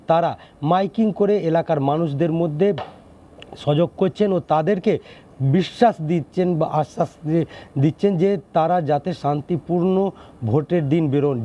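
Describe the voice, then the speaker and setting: A man reporting news, with halting, repetitive phrasing. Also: fairly high pitch, mellow, slight background noise. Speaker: field reporter. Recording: dull lo-fi audio.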